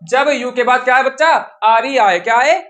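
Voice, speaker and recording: A man's voice: very high-pitched, normal speed, a bit bright. A male teacher with a Hindi accent giving an English pronunciation lesson, repeatedly asking his students questions and answering them himself.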